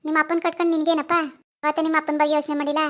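A woman gives a natural-sounding, high voice with flat delivery to a cartoon character: an angry middle-aged mother in a village. Furious, she berates her son with a quick stream of insults and rebukes.

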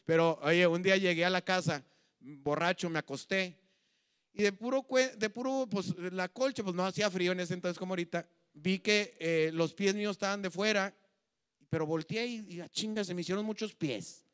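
A man's voice: high voice, moderate pace, a bit bright, clean tone. A man telling bawdy jokes in a bar, rambling and slangy. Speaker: comedian.

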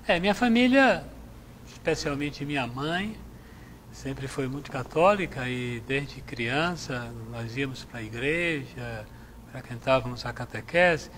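A middle-aged man, a Jesuit priest from Salvador, answering interview questions in a measured, reflective way on a lapel mic in a TV studio. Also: medium pitch, lively intonation, a bit bright, a little hiss or hum. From Salvador, Bahia, Brazil. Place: TV studio with chapel set.

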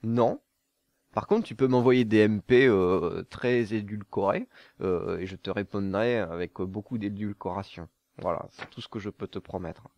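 A man's voice: lowish voice, moderate pace, darkish tone, dry recording, highs cut off. Jokey young man, dry close mic. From southern France. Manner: jokey, laughs at his own jokes, lots of hesitations. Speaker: YouTuber answering viewer questions. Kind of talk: casual solo Q&A to camera.

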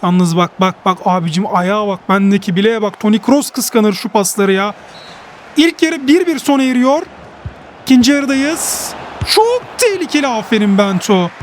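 A man giving live commentary over a football video game, excitable and boastful, joking about his own play. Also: high-pitched, normal speed, a little hiss or hum. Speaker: gaming YouTuber.

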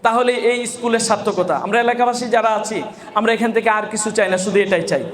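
A man with a very high voice gives a motivational speech to students at a farewell event. He speaks as an Islamic scholar and keeps asking his listeners rhetorical questions to draw them in. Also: a little fast, crowd noise. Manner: asks the audience rhetorical questions.

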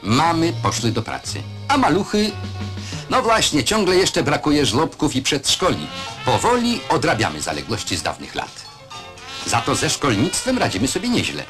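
A man narrating an old newsreel in the classic voice-over manner, proud and declamatory. His pitch swings widely through each sentence and he tosses in rhetorical questions. Music plays under the archival soundtrack throughout. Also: huge pitch swings, normal speed.

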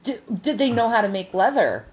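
A blunt woman in her forties talks on a phone held at arm's length in a small dim room at home. Her voice sits high and swoops widely. She sounds exasperated and swears without a second thought. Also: very animated, fairly quick, darkish tone, a little hiss or hum. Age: 40s. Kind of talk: casual livestream chat.

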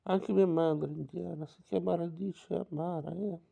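A man's voice: a little high, steady tone, normal speed, vocal fry, mellow, slightly rough, exaggerated voice. A man voicing a plain-spoken young man raised among a native tribe, earnest and simple in speech.

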